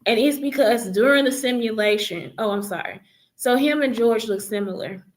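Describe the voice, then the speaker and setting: A woman's voice: on the high side, moderate pace. A woman vlogger recounting her life story in casual first-person talk, rambling with many fillers and self-corrections.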